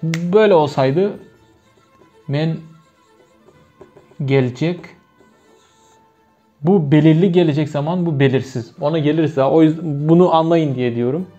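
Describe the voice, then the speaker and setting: Man teaching, Turkmen accent, hesitant and full of fillers, warm tone, slightly higher voice. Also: moderate pace, pauses often, highs cut off, faint music behind. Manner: hesitant, with many fillers and self-corrections. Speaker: language teacher. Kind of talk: casual video lesson.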